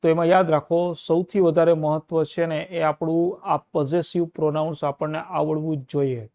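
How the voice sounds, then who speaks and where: A man's voice: fairly high pitch, steady tone, normal speed, darkish tone. Man teaching grammar in repeated steps. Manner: explains in repeated steps, often checks with the listener. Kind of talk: exam-prep lecture. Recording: dull, muffled recording.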